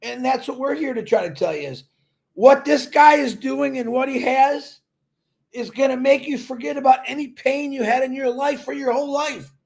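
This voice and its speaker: A man giving a loud, emphatic motivational talk to company members, telling folksy stories and repeating himself. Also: very high-pitched, moderate pace, creaky. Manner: loud and emphatic, calls himself a big mouth; repetitive, folksy storytelling. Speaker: company promoter speaking to members.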